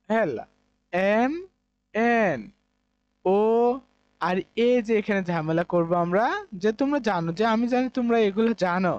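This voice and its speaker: A man's voice: high-pitched, darkish tone, no echo, muffled recording. A man from Bangladesh, teaching English grammar in a classroom-style lesson, explaining step by step and repeating key points.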